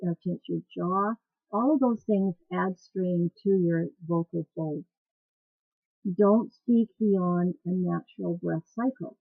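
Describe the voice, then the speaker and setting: A woman instructor explains voice care in a plain, practical way, her voice a little gravelly at the edges. The sound is dry and thin, like a phone line, picked up by a webcam mic. She talks straight to her class. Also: on the low side, dry recording. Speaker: dance cueing instructor. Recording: tinny phone-like webcam recording.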